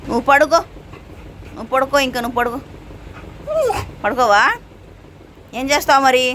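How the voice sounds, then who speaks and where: A woman with a high voice chats to her pet dog at home. She teases and scolds it the way one talks to a small child. Faint noise sits behind her. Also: normal speed, fairly bright tone. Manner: coaxing, teasing scolding as if to a child. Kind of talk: casual talk to a pet and to viewers.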